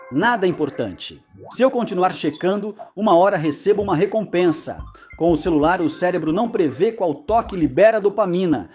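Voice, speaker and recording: Explainer narrator, medium pitch, animated delivery, light music underneath. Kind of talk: scripted educational narration.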